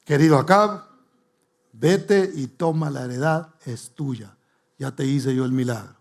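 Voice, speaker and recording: A man's voice: mid-range voice, measured pace, natural voice. A man voicing a scheming, wicked queen who speaks in a smug, domineering way in a retold scripture story.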